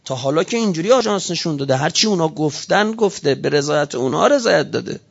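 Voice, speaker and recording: High-voiced man firing rhetorical questions. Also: animated, gravelly, slightly rough, dull audio. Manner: heated, stream of rhetorical questions. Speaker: speaker giving a political talk. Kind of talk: impassioned speech.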